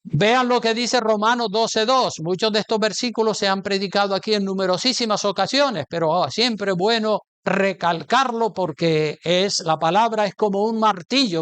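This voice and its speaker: A preacher delivers a sermon with emphatic force, his speech peppered with rhetorical questions to the congregation. His voice sits notably high for a man and comes through smooth and clear. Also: a bit bright. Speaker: pastor.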